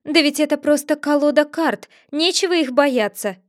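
A polite young girl who answers with calm boldness, her voice lifted a little higher than the reader's own, as a woman voicing her in a storybook. Dry and close. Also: moderate pace, no room sound, natural voice. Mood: calm bold. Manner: polite, then calmly bold.

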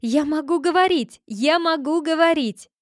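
A woman reading as a gentle shepherd girl. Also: high-pitched, moderate pace, no echo, clean studio sound, pitched above the performer's own voice, natural voice. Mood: joyful. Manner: quiet, calm, firm.

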